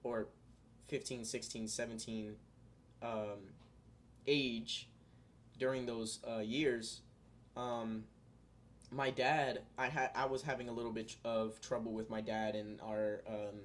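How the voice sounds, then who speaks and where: A man's voice: mid-range voice, fairly even intonation, slow pace, pauses often. Rambling young man vlogging. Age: young adult. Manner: rambling, full of fillers and restarts; earnest, spiritual musings addressed to viewers. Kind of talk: casual vlog monologue.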